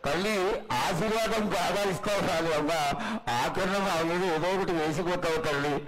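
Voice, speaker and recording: A man's voice: sits high, moderate pace. A man speaking as a priest, making a reverent, pleading devotional petition at a live ritual. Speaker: priest addressing a goddess oracle. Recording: very noisy live event recording. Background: loud ambient event noise.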